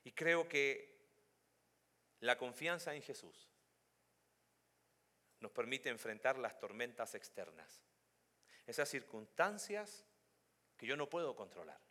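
A man preaching a sermon as pastor, moving between quiet, low reflection and loud, high emphasis, and putting questions straight to his listeners. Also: very animated, slow, pauses often. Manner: addresses listeners directly with questions. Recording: long hall reverb.

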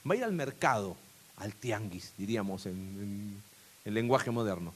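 A preacher voicing a calm old sage. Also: male voice, on the low side, normal speed, husky, voice pushed down. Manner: calm, instructing.

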